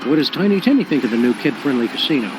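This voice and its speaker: A man voicing a polite, deadpan, unflappable dog detective in a cartoon video game. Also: medium pitch, rapid-fire, music in the background, close to an everyday voice. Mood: breezy. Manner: deadpan, courteous.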